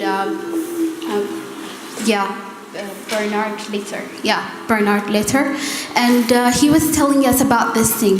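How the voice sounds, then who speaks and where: A young woman from Ethiopia with an Ethiopian accent, an architecture student asking a question at a conference with many hesitations. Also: medium pitch. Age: young adult. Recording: roomy hall reverb, background noise.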